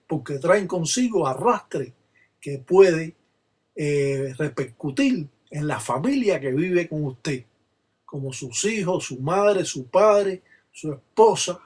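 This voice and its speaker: A man with a Cuban accent giving a slow, measured, solemn explanation as a religious teacher. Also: on the high side, breathy edge. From Cuba. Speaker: Palo Mayombe religious teacher.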